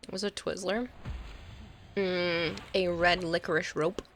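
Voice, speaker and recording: Woman game streamer, lower-pitched, rambling casual chat with viewers. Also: steady tone, unhurried, slight background noise. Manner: chatty, rambling, laughs easily. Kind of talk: casual gameplay commentary and chat reading.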